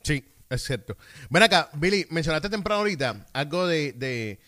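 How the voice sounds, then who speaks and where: A man hosting a casual faith conversation over a video call, telling lively stories and checking in with his guest. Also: on the high side, normal speed. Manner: animated storyteller, checks in with the listener. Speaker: host.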